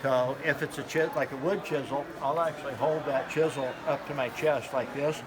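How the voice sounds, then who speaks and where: A man's voice: mid-range voice, steady tone, moderate pace. Folksy middle-aged man demonstrating, noisy hall. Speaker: knife sharpening demonstrator. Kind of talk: live hands-on product demonstration, casual explaining. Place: large expo hall with concrete floor. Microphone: handheld camera a step or two away. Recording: noisy hall, handheld camera mic. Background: clear background noise of an expo hall.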